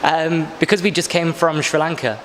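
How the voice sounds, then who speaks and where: A man's voice: a little high, fairly even intonation, moderate pace, fairly bright tone. A man in his twenties from England, explaining his travels in articulate, flowing sentences. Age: 20s. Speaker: backpacker interviewee. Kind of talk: casual interview answers. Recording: long reverb with faint background noise.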